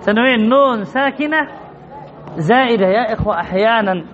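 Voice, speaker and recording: A man with a very high voice teaches grammar in an emphatic way, repeating each point and asking his students questions. The recording is dull and lo-fi. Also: lively intonation, fairly quick, a bit bright, a faint crowd, a little hiss or hum. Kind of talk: classroom lesson.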